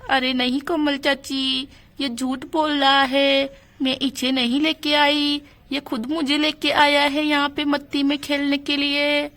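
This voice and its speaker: Woman doing a little village girl, eager, defensive, high, narrow-toned voice. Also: level tone, a bit bright. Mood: pleading. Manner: protesting, quick to blame.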